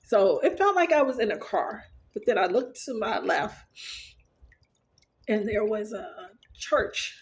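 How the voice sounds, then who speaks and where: Woman vlogger, mid-pitched, casual and rambling storyteller, earnest. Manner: rambling, with many fillers and restarts. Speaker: vlogger sharing her dreams.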